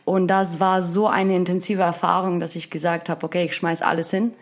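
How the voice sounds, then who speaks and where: A woman's voice: on the low side, flat delivery, a little fast. A woman in her twenties from Ukraine, a dancer chatting casually as a guest and laughing often. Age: 20s. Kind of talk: casual conversation.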